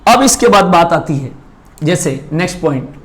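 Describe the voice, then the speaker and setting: A man teaching maths in a coaching class, explaining slowly and asking check questions again and again. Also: a little high, expressive. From India. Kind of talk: classroom lesson at a whiteboard.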